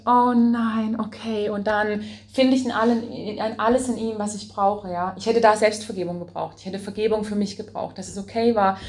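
A young woman preacher telling a personal story in a sermon, lively, acting out what she said and often laughing. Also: mid-range voice. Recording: echoey church hall.

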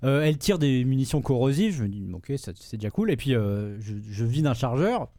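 A man's voice: mid-range voice, big pitch swings, a little fast, warm tone, no room sound, studio quality. A man on a podcast describing a game in casual chat, hesitant with many fillers and restarts. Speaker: podcast host reviewing a game.

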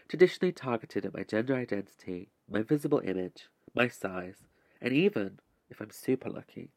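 Creaky, low-voiced man in measured monologue. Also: dry recording. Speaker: podcast host. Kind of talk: scripted relaxation podcast monologue.

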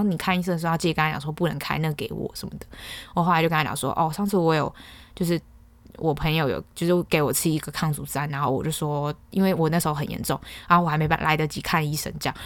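A woman's voice: fairly low pitch, no room sound. A young woman hosting a podcast, chatty and exasperated as she tells a personal story and rants. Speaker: podcast host. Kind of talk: casual storytelling.

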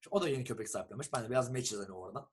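A young man from Turkey, telling a long story in a casual, animated chat and acting out what people said. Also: medium pitch, racing, husky. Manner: animated storyteller who acts out quoted texts and swears casually.

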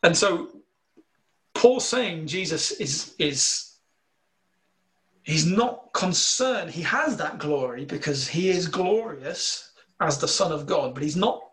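A man with a slight northern English accent, explaining scripture in a relaxed discussion, earnest and full of fillers. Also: on the high side, takes it slowly. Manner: earnest, explanatory, thinking aloud with many fillers. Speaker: bible teacher. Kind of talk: casual theological discussion.

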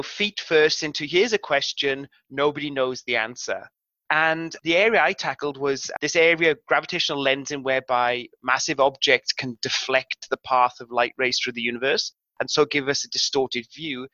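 A man's voice: on the high side, bright, forceful tone, dry recording, lo-fi sound. A middle-aged man from South Wales, a guest scientist explaining ideas in a thoughtful, self-deprecating way. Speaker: guest astrophysicist. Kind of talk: relaxed explanatory interview talk.

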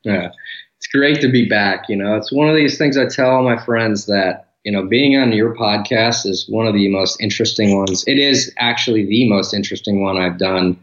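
A man from Detroit, a podcast guest, chatting in a relaxed, candid way from his home office. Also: lowish voice, normal speed. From Detroit, Michigan, US. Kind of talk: casual interview talk. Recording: roomy, dull remote audio.

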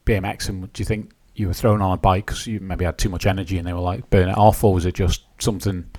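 A man's voice: deep voice, little pitch movement, fast talker, a little mellow. A man with a Manx accent hosting a casual interview podcast, with informal, rambling phrasing. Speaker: podcast host.

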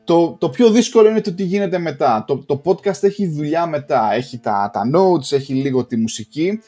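A man's voice: on the high side, animated, dark tone, soft background music. A man co-hosting a casual podcast, speaking in long, reflective, self-deprecating turns. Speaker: podcast co-host. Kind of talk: casual chat.

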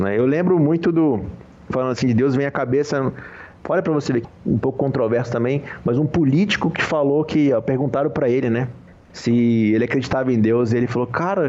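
A man, a professional poker player being interviewed, talking in a relaxed, slangy way and often checking that he is understood. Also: mid-range voice, highs cut off. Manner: relaxed, slangy, says "cara" and "entendeu" often. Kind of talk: casual interview talk.

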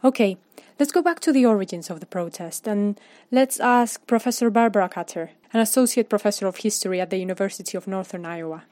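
A woman giving scripted documentary narration, telling the story in a lively way with rhetorical questions to the listener. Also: medium pitch, quick pace, no echo.

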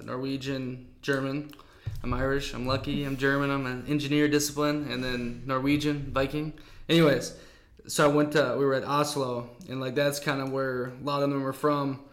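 An American podcast host, a man with a medium-pitched, fairly bright voice, chats through a casual interview in an easygoing, rambling style packed with fillers. The recording has the echo of a reverberant room.

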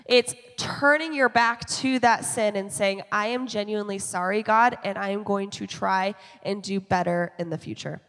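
A woman's voice: medium pitch, normal speed, few pauses, a bit bright, long reverb tail. A woman in her twenties, a youth pastor on a panel, explaining in an encouraging way with everyday examples. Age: 20s. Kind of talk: panel Q&A teaching.

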